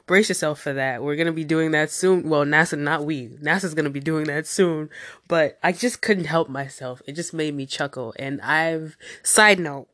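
Nasal from a cold, a solo podcast host talks at normal speed in a low, fairly bright voice. Her chatty, rambling style drifts into tangents, and the recording is clean studio audio without echo.

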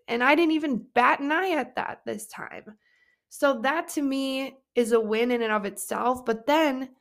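A young woman hosting a personal podcast and coaching other women, telling a story in an earnest, reflective way and often repeating words as she thinks. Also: a little high. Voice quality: vocal fry.

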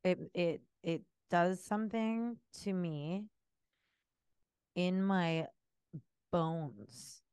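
Lower-voiced woman, dramatic jokey co-host. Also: extremely slow, pauses often, darkish tone, clean tone, dry recording, studio quality. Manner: dramatic, jokey, swears freely. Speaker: podcast co-host. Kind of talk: casual chat.

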